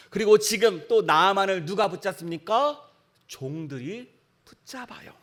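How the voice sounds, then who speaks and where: A male pastor delivers a sermon in a church. His voice sits very high for a man, and he preaches emphatically, often putting questions to the listeners. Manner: emphatic, with many rhetorical questions to the congregation.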